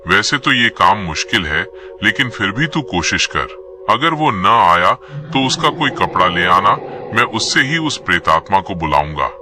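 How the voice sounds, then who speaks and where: A man's voice: on the low side, big pitch swings, unhurried, noisy background. A man playing a stern older exorcist who gives orders in a commanding, paternal way.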